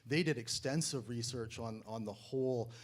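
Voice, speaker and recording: Halting man with frequent uhs. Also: medium pitch. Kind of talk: panel discussion answer.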